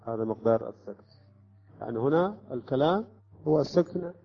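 A man's voice: medium pitch, animated, brisk, creaky, husky. A man teaching Quran recitation rules step by step, often checking with his listeners. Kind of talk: tajweed lesson explanation. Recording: dull lo-fi recording.

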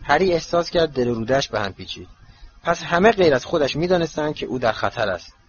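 A man narrating an audiobook in an even, measured reading, in a slightly muffled recording with faint hiss. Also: a little high. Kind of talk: scripted narration.

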